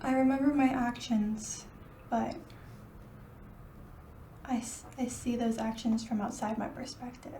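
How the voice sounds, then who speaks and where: An actress playing a withdrawn, uneasy research subject, hesitant and subdued in a found-footage drama. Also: female voice, a little high, steady tone, measured pace, long pauses, mellow, lightly acted. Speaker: interviewed test subject. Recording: echoey room, distant mic, faint noise.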